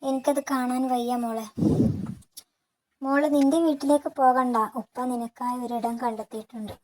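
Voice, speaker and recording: A woman voicing an elderly, ailing father-in-law who begs forgiveness through tears, slow and heavy. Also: sits high, steady tone, a little mellow, poor audio. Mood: earnest. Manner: pleading, weeping, slow and heavy.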